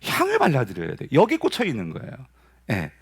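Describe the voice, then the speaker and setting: A man in his forties preaching a sermon as pastor, asking the congregation questions and answering them himself. He jumps high with excitement, then drops to soft, tender calls. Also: brisk, breathy edge.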